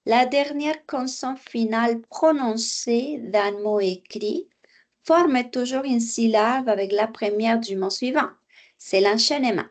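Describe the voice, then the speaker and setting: A woman teaching French at an unhurried, deliberate pace. She explains exercises patiently, repeats each phrase and now and then slips into for her students. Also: fairly high pitch. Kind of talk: online language lesson, explaining exercises.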